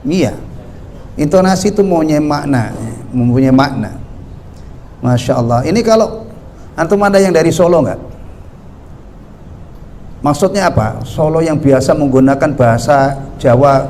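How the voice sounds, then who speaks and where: A man's voice: a little high, moderate pace, long pauses, darkish tone, slight background noise. A man from Central Java, Indonesia, teaching a mosque study session in a conversational way, often asking the audience questions. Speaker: Islamic teacher.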